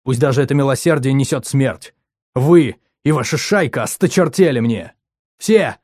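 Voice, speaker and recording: A male narrator voicing a furious young man who shouts indignantly at his comrades. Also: medium pitch, moderate pace, no room sound, clean studio sound, pitched above the performer's own voice, close to an everyday voice. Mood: furious shouting.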